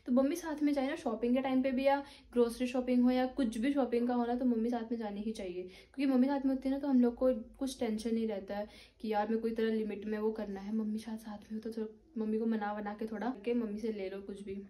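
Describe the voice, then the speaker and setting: A young adult woman vlogger with a sore throat and a cold chats casually to her phone camera, held at arm's length, in a small bedroom at home. She rambles and mixes in English words, talking fast with hardly any pauses in a mellow, steady, high-leaning voice.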